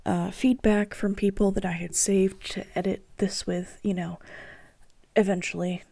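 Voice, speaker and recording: A young woman hosting a writing vlog, speaking mostly in a soft whisper as she reads her old prose aloud. She sounds sleepy and keeps yawning. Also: mid-range voice, little pitch movement, a little slow, creaky, no room sound. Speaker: writing channel host.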